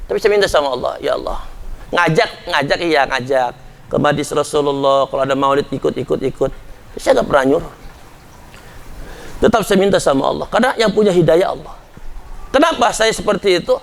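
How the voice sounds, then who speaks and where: A male preacher delivers a sermon in a chatty, direct way, turning to his listeners often. His voice sits high and carries a gravelly fry. At moments he builds into loud, fervent pleading. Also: expressive, brisk. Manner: impassioned, rising to loud pleading at times; conversational, addresses congregation as Pak.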